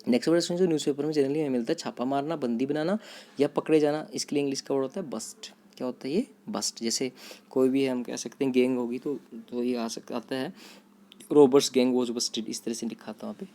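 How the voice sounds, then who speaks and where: A man teaching vocabulary to students, repeating each word, spelling it out letter by letter and pausing on fillers. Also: mid-range voice, mellow. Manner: addresses students directly, with hesitant fillers. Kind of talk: vocabulary lesson.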